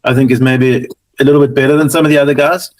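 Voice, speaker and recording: A man's voice: mid-range voice, little pitch movement, fast talker, low-quality recording. A man hosting a casual podcast interview, chatty and agreeable with his guest. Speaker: podcast host.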